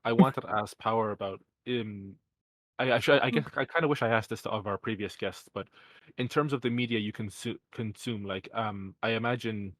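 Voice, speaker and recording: A man's voice: lowish voice, brisk, a bit bright, dry recording. A young man hosting a casual podcast, rambling with many fillers and restarts. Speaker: podcast host.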